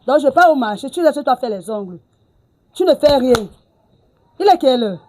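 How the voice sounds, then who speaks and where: A woman's voice: high-pitched, animated, normal speed, a little mellow. An actress playing a middle-aged mother who scolds her daughter, repeating herself with "hein" and "ah bon". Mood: scolding. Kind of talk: film drama acting.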